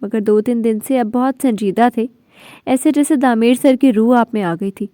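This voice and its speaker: A woman narrator voicing an innocent, chatty young woman who confides gossip in a hushed tone. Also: on the high side, moderate pace, no echo, clean studio sound, lightly acted.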